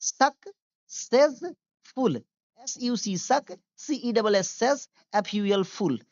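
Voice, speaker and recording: A man's voice: high-pitched, takes it slowly, dry recording, dull audio. A man teaching beginners to read, spelling each word letter by letter and translating it with patient, repetitive drilling. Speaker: English reading teacher. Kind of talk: beginner reading lesson.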